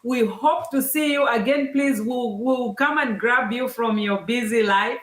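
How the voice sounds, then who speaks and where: A woman's voice: fairly high pitch, measured pace, echoey room. A woman hosting an online interview, upbeat and chatty, often calling out to her viewers. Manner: enthusiastic, repeatedly addresses viewers as guys. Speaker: host.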